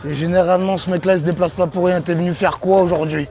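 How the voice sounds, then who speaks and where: High-pitched guy hyping up dancers at a festival, shouty, street interview vibe. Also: steady tone, quick pace, soft background music. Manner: exuberant, hype-man shouting. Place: outdoor festival.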